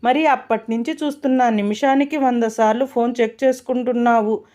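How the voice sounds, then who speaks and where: A woman's voice: fairly high pitch, fairly even intonation, fairly quick, dark tone, natural voice. A woman reading a storybook voices a teasing, curious young female friend.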